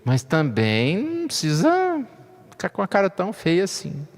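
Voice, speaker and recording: Male pastor, fairly high voice, conversational sermon with light jokes, long church reverb. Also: huge pitch swings, normal speed. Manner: conversational, frequent tag questions, light humor.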